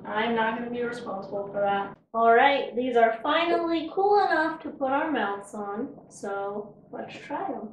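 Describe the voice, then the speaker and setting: A woman's voice: a little high, lively intonation, a little slow, muffled recording, a little hiss or hum. Chatty woman hosting a home cooking show. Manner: chatty, joking, talks with her mouth full. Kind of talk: casual cooking show chat. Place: home kitchen. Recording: echoey kitchen, mic far off.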